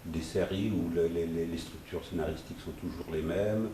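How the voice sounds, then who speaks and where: Deep voiced guy interviewing, lots of pauses, echoey room with a bit of hiss. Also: fairly even intonation, dark tone. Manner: searching, halting questions. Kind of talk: interview question. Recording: echoey room with faint noise.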